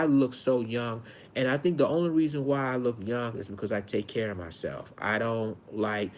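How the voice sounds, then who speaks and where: A high-pitched man in his forties from Arkansas, United States, vlogs to his viewers in an earnest, casual monologue. He often repeats and restarts his phrases, and there is slight background noise.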